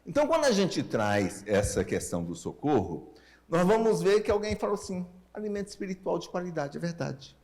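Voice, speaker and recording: Leading a Spiritist session on family ministry, a medium-pitched Brazilian speaker in his sixties lectures informally and with animation. His articulation is a bit slurred and tongue-tied, and he keeps asking rhetorical questions and tossing short tags to the audience.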